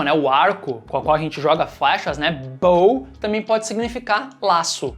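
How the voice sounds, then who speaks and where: A woman teaching English online. She patiently repeats words slowly to model pronunciation and talks straight to her viewers. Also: mid-range voice. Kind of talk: online language lesson.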